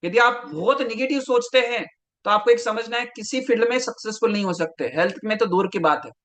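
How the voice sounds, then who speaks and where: A man's voice: sits high, a little fast, fairly bright tone. A man, a health coach giving a live online masterclass, talking straight to viewers and reading out their names from the chat.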